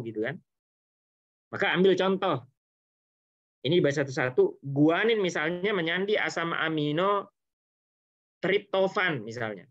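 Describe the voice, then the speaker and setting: A man's voice: a little high, fairly bright tone. A man teaching a biology lesson in a casual, step-by-step way, asking rhetorical questions and answering them himself. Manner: casual, with frequent tag words and self-corrections. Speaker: biology tutor. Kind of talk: online lesson explanation. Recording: slightly dull lo-fi audio.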